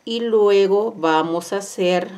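A woman's voice: medium pitch, slow, darkish tone. A woman teaching crochet step by step, counting stitches aloud and repeating each instruction. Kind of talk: step-by-step craft tutorial. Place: indoors at a craft table.

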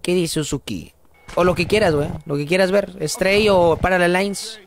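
A man's voice: high voice, steady tone, moderate pace, slight background noise. A young Mexican man streaming a game live, slangy and upbeat, chatting with viewers as he plays. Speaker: gaming streamer. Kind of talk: live game commentary, reading chat.

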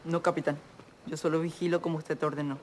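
Un actor haciendo de joven vigía ingenuo y curioso. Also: male voice, on the high side, little pitch movement, quick pace, a little hiss or hum, close to an everyday voice. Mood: eager. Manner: eager, wondering. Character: naive young lookout, unschooled.

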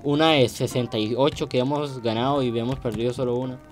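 A man's voice: mid-range voice, fairly even intonation, quick pace, soft background music. Joking man gaming. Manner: joking, teasing, bursts into shouts when losing. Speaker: gaming youtuber. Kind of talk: casual gameplay commentary.

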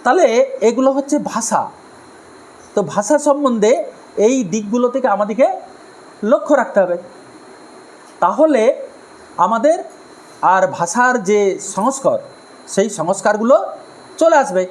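A man giving a moral lecture on family life to a live audience, in an animated way, asking rhetorical questions and acting out harsh and gentle tones of voice. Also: high-pitched, a little slow, long pauses, low-quality recording. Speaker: spiritual speaker on family life.

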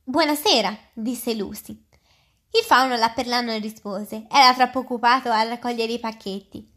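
A woman student reading a children's story aloud in a steady, careful way. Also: on the high side, moderate pace. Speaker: student reader.

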